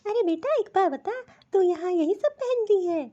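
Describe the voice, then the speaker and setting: A simple, warm-hearted old mother-in-law from the village, voiced by a woman for a cartoon, talking in a homely, affectionate way. The voice sits very high. It is a dull, dry lo-fi recording. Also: animated, moderate pace, no room sound. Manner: homely, affectionate, rustic talk. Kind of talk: cartoon voice acting.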